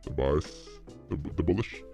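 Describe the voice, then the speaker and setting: Man on a deep pitch-shifted voice changer. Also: a little slow, creaky, mellow, faint music behind, full character voice. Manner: laid-back, slangy. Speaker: forex trading streamer. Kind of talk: casual livestream chat. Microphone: studio dynamic mic through a mixer.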